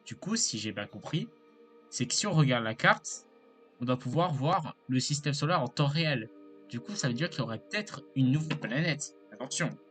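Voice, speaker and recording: A man's voice: mid-range voice, lively intonation, normal speed, a bit bright, faint music behind. A man giving casual let's play commentary, hesitant and rambling with lots of fillers and apologies. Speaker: gaming YouTuber.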